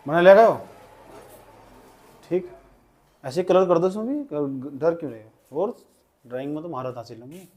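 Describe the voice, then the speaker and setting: Guy teaching physics to a class, fairly high voice, keeps repeating stuff and pushing kids to hurry. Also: normal speed, long pauses, darkish tone. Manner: urging students, repeats phrases, scolds by name.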